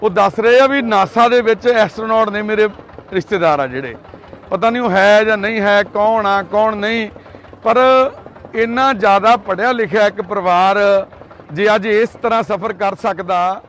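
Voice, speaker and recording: A man's voice: high-pitched, moderate pace, fairly bright tone. A man reporting in the street, coaxing the people he talks to and then speaking earnestly to the camera. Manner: coaxing and pleading, then earnest social commentary. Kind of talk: street interview and commentary to camera.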